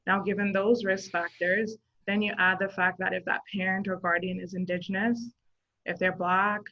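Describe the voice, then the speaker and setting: Speaking at normal speed in a mid-range, level voice, this thirty-something Zimbabwean social worker talks earnestly as a guest in an informal interview. She reasons aloud with plenty of fillers, captured on dull lo-fi audio.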